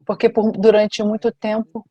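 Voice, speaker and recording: A woman giving a simultaneous interpretation at a panel, with a steady, measured delivery. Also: medium pitch, husky, no room sound, muffled recording.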